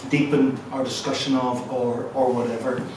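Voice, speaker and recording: A man's voice: mid-range voice, flat delivery, normal speed, a little mellow, slight background noise. A man with a Northern Irish accent giving a university guest lecture in a chatty, self-deprecating way, full of ums and restarts. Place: lecture room. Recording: echoey room, mic at a distance.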